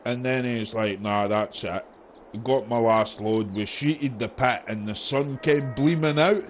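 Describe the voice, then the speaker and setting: A man's voice: mid-range voice, measured pace. A man with a broad Scottish accent chatting casually, telling rambling stories in a colloquial way. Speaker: gamer chatting during a farming game session. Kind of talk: casual chat. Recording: dull lo-fi voice chat with noise.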